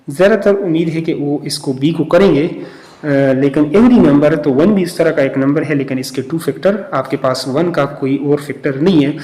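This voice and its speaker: Guy walking through test answers, kinda high voice, lots of uh pauses, echoey room. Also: dark tone. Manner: explains step by step with many "uh" pauses. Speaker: test prep teacher. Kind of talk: exam answer walkthrough.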